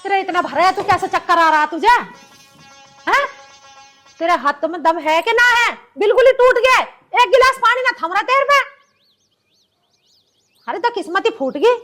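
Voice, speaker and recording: Casting: sharp-tongued Haryanvi mother-in-law, very high voice, faint music behind. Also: lively intonation, moderate pace, pauses often, full character voice. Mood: scolding. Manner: sharp, scolding, taunting. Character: harsh scolding village mother-in-law.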